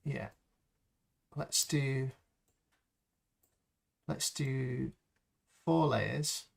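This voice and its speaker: A man talks slowly through a sound-editing session, his voice gravelly with a touch of fry. He thinks aloud as he goes, pausing with ums between steps in an unscripted tutorial. The pitch stays mid-range and relaxed. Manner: slow, thinking aloud as he works, with frequent ums. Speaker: live stream host demonstrating sound design.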